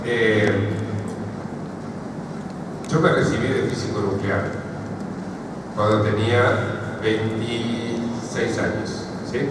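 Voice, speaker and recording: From far off in a large, echoey university lecture hall, a man with an Argentine Spanish accent answers a question during a psychoanalysis seminar. His lowish voice is slow and fairly even, with long pauses, and he keeps checking in with the audience by asking "¿sí?" and "¿está?" The recording is noisy.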